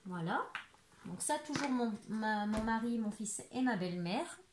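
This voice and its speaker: A woman's voice: on the high side, animated, measured pace. A woman in her forties from France, chatting casually through a crafting haul with lots of fillers and restarts, recorded at home. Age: 40s. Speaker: crafting YouTuber. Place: home living room. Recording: echoey room with background noise.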